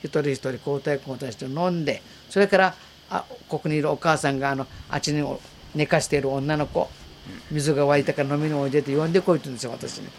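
A woman's voice: sits low, fast talker, a little hiss or hum. Earnest elderly woman recounting memories. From Okinawa, Japan. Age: 80s. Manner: vivid, earnest, re-enacts voices and calls. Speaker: war survivor giving testimony. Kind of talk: personal storytelling in an interview.

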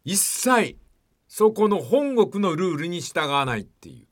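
A man's voice: high voice, very animated, unhurried. An older man hosting a radio talk show, telling stories in a rambling, folksy way and putting questions to his co-host.

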